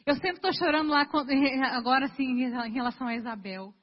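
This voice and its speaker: Young woman preaching, husky voice in a hall. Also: high voice, fast. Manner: earnest, conversational, addresses congregation directly. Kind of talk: sermon. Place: church hall. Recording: dull lo-fi sound with long hall reverb.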